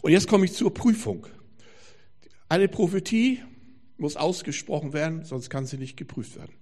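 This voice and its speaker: Husky-voiced male preacher. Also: a little high, normal speed. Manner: lively storytelling, swings from quiet asides to shouted emphasis. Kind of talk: sermon.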